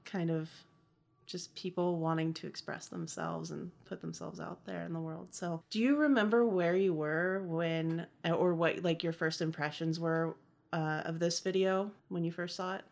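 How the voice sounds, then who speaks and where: A woman's voice: fairly low pitch, steady tone, normal speed, creaky. A woman in her thirties co-hosting a podcast in a chatty, casual way, with plenty of fillers and laughs. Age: 30s. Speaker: podcast co-host. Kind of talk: casual chat.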